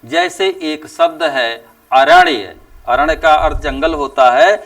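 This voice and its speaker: A male teacher giving a classroom lecture, speaking slowly and deliberately and drawing out example sounds with emphatic rises. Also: on the high side, huge pitch swings, creaky, fairly bright tone, distant mic. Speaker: Hindi teacher.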